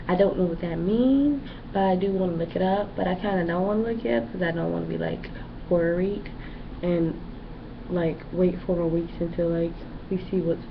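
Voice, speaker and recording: A young pregnant vlogger gives a casual update on her pregnancy in a lowish, creaky voice at normal speed. She rambles and chats with plenty of fillers, and the home recording is dull, lo-fi, and noisy in the background.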